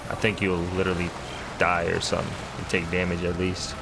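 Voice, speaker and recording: Low-pitched man doing casual game commentary. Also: monotone, fairly quick, creaky, background noise. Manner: slangy, thinking aloud. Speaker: gaming video host. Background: game music.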